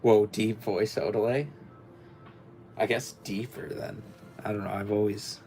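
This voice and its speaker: The young man hosting this building livestream has a deep, gravelly voice with a dark tone and a flat delivery at a measured pace. Faint music plays behind his casual chat, which is rambling and hesitant, with many fillers and restarts.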